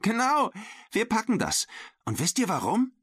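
A man voicing a cheerful teenage schoolgirl sailor in an audiobook, in a high, bright girlish voice with an encouraging, laughing manner. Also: wildly swooping pitch, moderate pace, no echo, clean studio sound, heavily acted. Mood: upbeat. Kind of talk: audiobook character voice.

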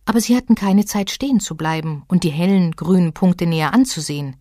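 A woman reading a children's story aloud in an expressive way. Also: fairly low pitch, a little fast, no room sound, studio quality.

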